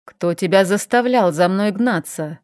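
A woman voicing a calm, dry-witted male vampire advisor who speaks evenly and unhurriedly in an audiobook. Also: medium pitch, no echo, natural voice. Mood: calm teasing. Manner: even, unhurried, teasing.

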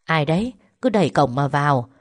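A woman's voice: deep voice, animated, brisk, no room sound. A woman voicing an old male village herbalist who talks in a blunt, grandfatherly way. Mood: gruff kindly.

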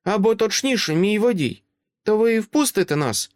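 A man doing a calm little British girl. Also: sits high, normal speed, no echo, studio quality, voice pushed up. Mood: calm earnest. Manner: calm, composed and earnest. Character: serious seven-year-old girl, calm and precise.

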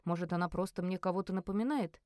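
A woman reading a first-person fantasy audiobook in an expressive narrating voice. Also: on the low side, fast talker, no room sound, clean studio sound. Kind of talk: scripted narration.

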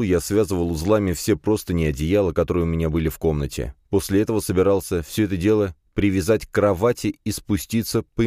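Deep-voiced male audiobook narrator. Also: warm tone, no echo, clean studio sound. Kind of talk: first-person scripted audiobook narration.

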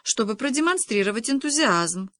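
A woman's voice: on the high side, big pitch swings, moderate pace, a bit bright, dry recording, pitched above the performer's own voice. A woman reading a sardonic young woman. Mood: mocking. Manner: mocking, exasperated. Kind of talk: audiobook reading.

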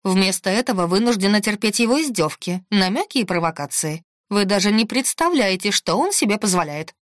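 A woman voicing a fiery, indignant cook who rattles on in a shrill voice. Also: expressive, a little fast, no room sound, clean studio sound, close to an everyday voice.

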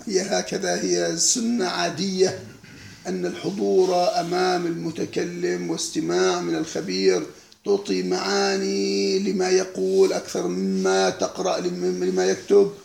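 A man's voice: high voice, creaky, a little mellow, echoey room. A man teaching a classical text, lecturing with rhetorical questions and laughing asides. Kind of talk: spontaneous lecture commentary.

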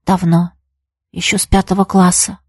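A woman voicing a shy, earnest teenage boy in a storybook reading, speaking in a hesitant, halting way. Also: on the low side, little pitch movement, a little mellow, no echo, studio quality.

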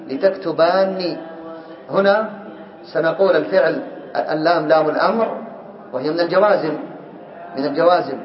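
Man teaching in an echoey classroom. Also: fairly high pitch. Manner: questions the class, then answers and slowly drills word forms; calls on students by name. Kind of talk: classroom lesson on Arabic grammar. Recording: echoey room, muffled lo-fi sound.

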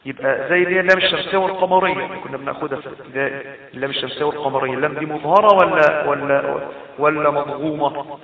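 A man's voice: a little high, steady tone, racing. A man with an Egyptian accent teaching Quran recitation rules in a recorded lesson. He explains step by step, repeats his points and asks rhetorical questions. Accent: Egyptian Arabic. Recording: tinny phone-like sound, roomy and distant from the mic.

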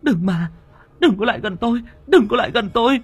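A man's voice: very animated, a little fast, sharp tone, faint music behind, exaggerated voice. A man doing a shrieking haunted young woman. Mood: terrified. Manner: high, trembling, pleading, hysterical.

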